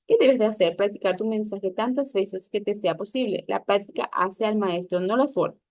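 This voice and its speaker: A woman's voice: medium pitch, normal speed, darkish tone, no echo. Woman reading a speaking lesson, dry. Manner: instructive, reads aloud with small slips and restarts. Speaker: teacher.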